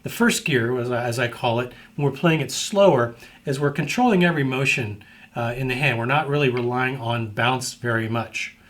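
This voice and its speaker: A middle-aged man teaches drum rudiments in a calm instructional tone. His voice sits in a middle pitch, neither high nor low. He breaks things down step by step and often checks that the listener is following. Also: normal speed. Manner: explanatory, repeatedly checks in with "right?".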